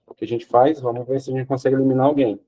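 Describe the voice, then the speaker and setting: A man's voice: mid-range voice, little pitch movement, rapid-fire, warm tone. A man teaching Portuguese grammar for an exam, explaining step by step, asking questions and answering them himself, often checking with "ok?". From Brazil. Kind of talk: exam-prep grammar lesson.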